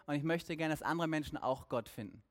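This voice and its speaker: A man voicing an older male missionary who speaks in a hesitant, stammering, hushed way. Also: fairly high pitch, brisk, long reverb tail, natural voice. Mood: faltering.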